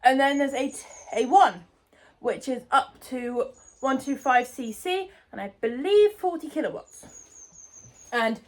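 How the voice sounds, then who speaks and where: Standing by a road as cars go by, a roughly nineteen-year-old British vlogger rants indignantly into her phone mic. Her high voice has lively intonation, though she speaks at a slow pace.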